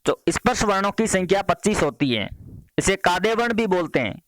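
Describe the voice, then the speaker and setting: Brisk male Hindi exam-prep teacher. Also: sits high, animated, a bit bright, no echo. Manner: reads each question and its options, then repeats the question and gives the answer; brisk, repeated "next question" transitions. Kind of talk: quiz-style Hindi grammar lesson.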